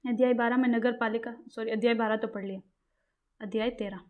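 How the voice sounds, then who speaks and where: Higher-voiced woman teaching exam material. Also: steady tone, a little fast, narrow, tinny audio. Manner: repeats questions to the class and answers them herself. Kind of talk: casual classroom lecture.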